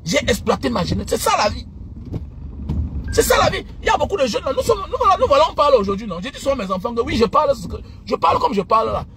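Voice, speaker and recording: A middle-aged man giving emphatic, repetitive life advice in a casual preachy monologue, sometimes breaking into shouts. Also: very high voice, sing-song, fast, a little hiss or hum. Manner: emphatic, lecturing, repeats phrases, bursts of shouting.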